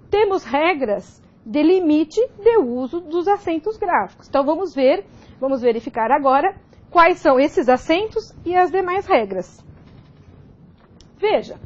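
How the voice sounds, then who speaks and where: A woman's voice: high voice, darkish tone, lo-fi sound. A woman teaching grammar in a recorded video lesson, explaining step by step and checking in with frequent "ok?".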